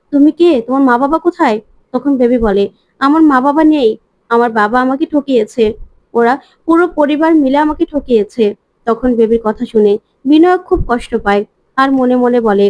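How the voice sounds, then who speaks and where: High-voiced woman retelling a serial. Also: darkish tone, no echo, poor audio. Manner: narrates plainly, quoting each character's lines in turn. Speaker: narrator retelling a TV serial episode. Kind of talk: storytelling recap with quoted dialogue.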